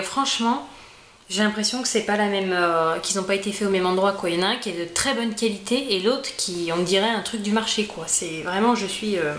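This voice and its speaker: Chatty woman in an echoey room. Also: mid-range voice. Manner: chatty, hesitant with many fillers and restarts. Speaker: beauty vlogger. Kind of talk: casual product review. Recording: echoey room with faint ambient noise.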